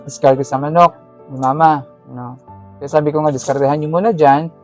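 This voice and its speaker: With a deep, steady voice at a fairly quick pace, a woman on a charity vlog distributes school allowance and firmly pushes a shy student to speak up. Her manner is motherly and lecturing, animated and casual. Faint music can be heard in the background.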